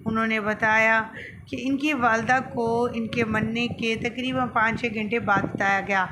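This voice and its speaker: A woman's voice: fairly high pitch, steady tone. A woman with a Pakistani accent hosts an online video channel, narrating news in a presenter's style. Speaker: YouTube channel host. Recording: clearly noisy background.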